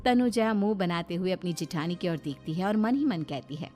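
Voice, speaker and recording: A woman's voice: on the low side, lively intonation, fairly quick, darkish tone, faint music behind. Woman narrating a cartoon story.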